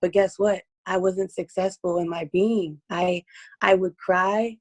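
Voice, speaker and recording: A woman with a hoarse, strained voice, speaking earnestly as an interview guest giving personal testimony. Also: on the low side, steady tone, unhurried, no room sound.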